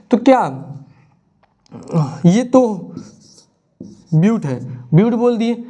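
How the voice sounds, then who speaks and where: A man's voice: high voice, a little mellow. A young man teaching a casual exam revision lesson, chatty, playing out imagined student questions and answers himself.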